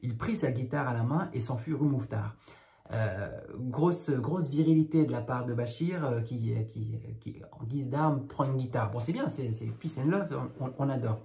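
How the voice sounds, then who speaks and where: A man with a dark, mellow voice reading a children's story aloud at an even middle pitch. He steps out of the text now and then with casual, wry asides. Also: moderate pace. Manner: casual, wry commentary between passages. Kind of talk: read-aloud with jokey spoken asides.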